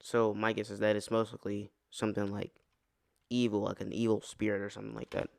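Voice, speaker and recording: Gravelly slangy guy reacting. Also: on the low side, flat delivery, fairly quick, no room sound, clean studio sound. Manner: chatty, slangy, calls listener bro. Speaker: video reactor. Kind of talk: casual reaction commentary.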